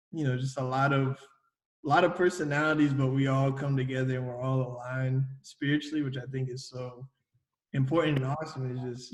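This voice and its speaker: A man in a relaxed group conversation, thanking his co-hosts in a loose, rambling flow full of false starts. His voice sits at an ordinary middle pitch. The room around him is roomy and echoey. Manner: rambling, halting restarts, grateful. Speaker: podcast host. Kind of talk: casual group chat.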